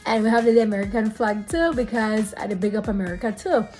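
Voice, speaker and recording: A woman in her late thirties with a Belizean Creole accent talks fast and casually to camera as a vlogger giving faith advice. Her medium-pitched voice is a little mellow and earnest, and she repeats phrases for emphasis while offering spiritual encouragement over faint background music.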